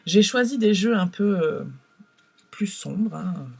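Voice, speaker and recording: A woman with a husky, breathy voice leads a laid-back tarot reading for her viewers. She speaks softly and hesitantly, often pausing to restart her sentences. Her pitch sits in a middle range. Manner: hesitant, many fillers and restarts, soft-spoken. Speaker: tarot card reader. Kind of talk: casual tarot reading to camera.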